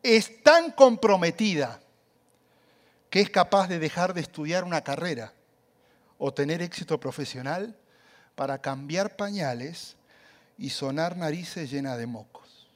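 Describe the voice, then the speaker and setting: Man preaching, animated storytelling, loud cries and soft asides, slightly high voice. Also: unhurried, long pauses. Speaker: pastor. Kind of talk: sermon.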